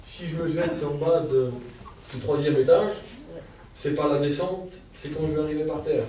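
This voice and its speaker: A man's voice: fairly high pitch, fairly even intonation, normal speed, warm tone, a little hiss or hum. A man preaching a heartfelt testimony sermon at a church service, with a stammer and simple, fervent speech. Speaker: lay preacher. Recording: distant echoey church hall sound.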